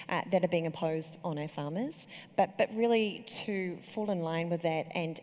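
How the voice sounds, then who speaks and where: A woman's voice: fairly low pitch, darkish tone. A woman speaking as a panelist, earnest and hesitant with many fillers. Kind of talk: panel discussion. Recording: reverberant hall.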